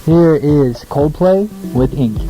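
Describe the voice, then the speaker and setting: A young American man hosts a casual radio show alone in a small studio. His voice is a little high and animated, and he takes his time. Between songs he's chatty, informal and self-deprecating, heard over music on a rough recording.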